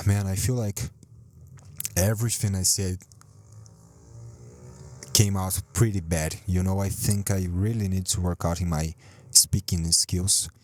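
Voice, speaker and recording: A deep, fairly even-toned man talks slowly with long pauses, a faint hiss or hum under him. He's hosting a solo home podcast, rambling, self-deprecating, swearing often and repeating himself. He's close on the mic, at times too close.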